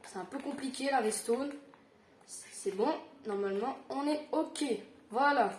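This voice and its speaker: Chatty woman with a high voice. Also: roomy sound, a little hiss or hum. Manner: chatty, halting, many fillers and self-corrections. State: tired. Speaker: Minecraft tutorial youtuber. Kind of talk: casual gaming tutorial.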